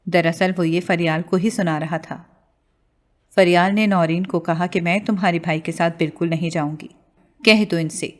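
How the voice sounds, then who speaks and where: Woman narrating a romance novel. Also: lowish voice. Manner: steady, expressive reading. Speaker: audiobook narrator. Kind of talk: storybook narration.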